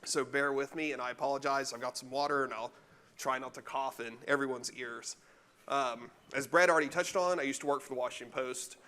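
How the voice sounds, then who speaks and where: A man speaks at a tech meetup in a chatty, self-deprecating way, joking with the people in the room. His allergies are acting up and he is chewing gum to keep from coughing. His voice sits at an ordinary middle pitch for a man. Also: pushed and bright. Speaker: guest speaker. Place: meetup room with a live audience.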